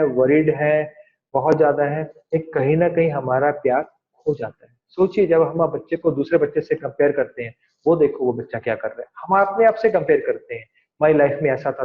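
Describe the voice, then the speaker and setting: Earnest man giving a seminar. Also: a little high. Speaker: parenting speaker. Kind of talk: seminar talk. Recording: dull lo-fi sound.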